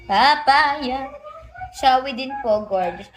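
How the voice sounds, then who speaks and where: A woman's voice: a little high, moderate pace, over loud music. A woman livestreaming casually as a mother, chatting with viewers and cooing at her toddler in a sing-song voice. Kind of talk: casual live-stream chat.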